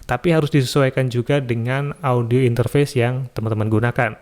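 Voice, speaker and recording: Man calmly explaining software step by step. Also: medium pitch, brisk. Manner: relaxed step-by-step explaining with frequent "ya" and "eh". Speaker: YouTube tutorial host. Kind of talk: screen-recorded software tutorial. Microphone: studio mic through an audio interface.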